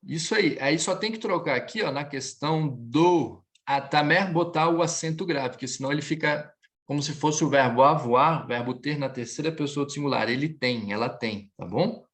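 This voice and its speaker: A man's voice: on the high side, normal speed, fairly bright tone. A male French teacher with a Brazilian accent, whose first language is Portuguese, giving a live online lesson and patiently explaining grammar while he switches between French and Portuguese.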